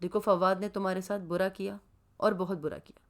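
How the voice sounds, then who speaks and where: Woman voicing a soft-spoken older patriarch. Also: medium pitch, fairly even intonation, close to an everyday voice. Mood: gentle, earnest. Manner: soft, quiet, earnest.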